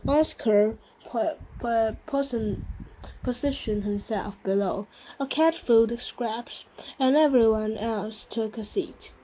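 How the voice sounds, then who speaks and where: Woman reader, slow unpolished storybook read-aloud, warm dark tone, frequent self-corrections. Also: on the high side, rough recording. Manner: slow, halting reading with frequent restarts on hard words. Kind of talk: reading a children's novel aloud.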